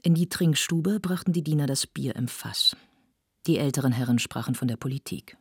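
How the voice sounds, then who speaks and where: A woman narrating a novel as an audiobook reader, with an even storytelling delivery. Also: a bass voice, normal speed, husky, no room sound, studio quality.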